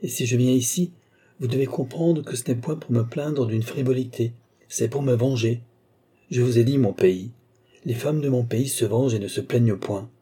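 A proud vengeful young woman, earnest and firm, low mellow voice with a husky edge, as a male audiobook reader gives her lines. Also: moderate pace, close to an everyday voice. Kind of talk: audiobook reading.

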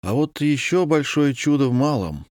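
A man's voice: medium pitch, expressive, normal speed, darkish tone, dry recording, pitched above the performer's own voice, lightly acted. Enthusiastic male explainer; male reader doing him, eager, dry recording.

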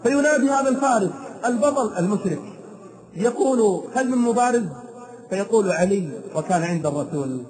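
A man's voice: high-pitched, animated, brisk, crowd noise, low-quality recording. A man preaching a sermon to an audience, telling stories dramatically with emotional emphasis.

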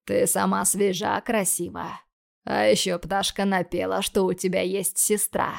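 A crude male debt collector, put on by a woman reader, lowering her voice into a slow, taunting drawl. The tone carries a gravelly edge and is meant to menace, in an audiobook scene. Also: level tone. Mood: menacing sneer.

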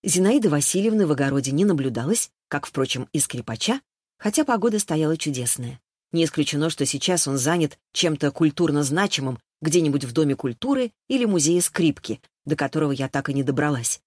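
A woman narrating a novel in first person, keeping an even storytelling pace. The sound is dry and close, with no room around it. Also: sits low, brisk, slightly rough, dry recording. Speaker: audiobook narrator.

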